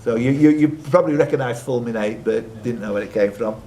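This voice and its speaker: In a noisy live recording from a social club room, a man reads quiz questions and talks with contestants between them as the host. His mid-range voice is mellow and fairly quick. Ambient room noise can be heard behind him.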